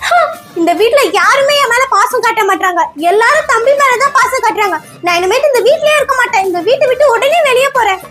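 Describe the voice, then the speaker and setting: A shrill, very high little girl who whines and schemes her way out of chores, as a woman acts her out. Her voice sits extremely high and childish, with clear music playing under the comedy skit. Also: animated, a little fast. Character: mischievous young girl, lazy and scheming. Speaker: daughter Monika.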